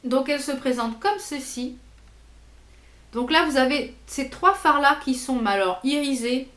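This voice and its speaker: A woman's voice: high-pitched, measured pace, a bit bright, reverberant. A woman vlogger casually reviewing makeup, chatty and enthusiastic, often hesitating and repeating herself. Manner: hesitant, many fillers and repeats; chatty, enthusiastic about products. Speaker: beauty vlogger.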